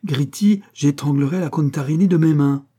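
A man's voice: medium pitch, expressive, normal speed, warm tone, natural voice. A man reading aloud voices a flirtatious, laughing courtesan woman, with a teasing, dramatic delivery. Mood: pleading.

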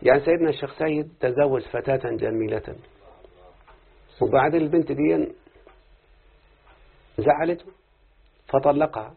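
A man with an Egyptian accent teaching an Arabic grammar class, lively and constantly quizzing his students with questions. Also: medium pitch, moderate pace, creaky, pauses often, breathy edge. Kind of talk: classroom lesson. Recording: tinny lo-fi phone-like recording.

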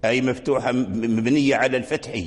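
Older sheikh lecturing in an echoing hall. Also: male voice, medium pitch, fairly even intonation. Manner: explains slowly with repetition, chants Quranic examples. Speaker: Quran recitation teacher. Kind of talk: classroom lecture on Quranic readings. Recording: long hall reverb.

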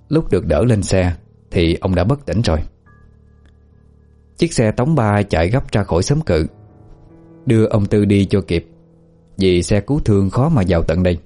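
A man narrating a scripted story in a steady storytelling manner. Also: on the low side.

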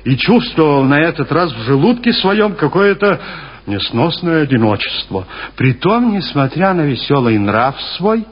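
A man narrating an audiobook in a theatrical, expressive literary reading, in a dull lo-fi archive recording. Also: fairly high pitch, moderate pace, husky. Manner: theatrical, lively storytelling.

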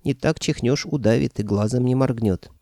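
A man's voice: medium pitch, moderate pace, vocal fry, warm tone, no room sound, clean studio sound, natural voice. A man voicing a stern, folksy old grandfather who speaks firmly. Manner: folksy, firm.

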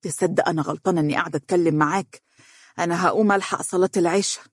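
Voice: mid-range voice, steady tone, rapid-fire, breathy edge, dry recording, studio quality, lightly acted. A narrator voicing a fussy, middle-aged mother who scolds her son, with an Egyptian accent. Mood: reproachful. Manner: reproachful, emotional.

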